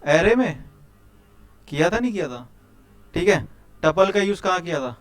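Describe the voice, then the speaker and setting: A chatty Hindi-speaking coding teacher runs a live class, his high-pitched, animated voice moving at normal speed. He quizzes his students and keeps saying "bhai".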